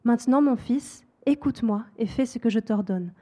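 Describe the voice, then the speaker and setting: A woman's voice: a little high, normal speed, mellow, natural voice. A woman voicing a scheming mother who gives firm, direct orders.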